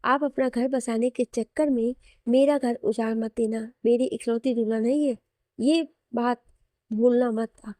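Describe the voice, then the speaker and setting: A man's voice: extremely high pitch, steady tone, unhurried, mellow, dry recording, studio quality. A woman voicing a mischievous young husband who teases his wife and friend. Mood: mock-indignant. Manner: mischievous, teasing. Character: playful teasing young husband.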